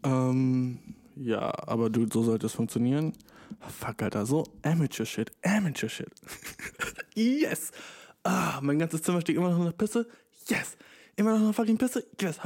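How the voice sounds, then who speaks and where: At a moderate pace and fairly high pitch, a man in his twenties holds forth in a casual solo chat that wanders at length. He swears, leans on slang, gets excitable, and keeps saying dude to the listener.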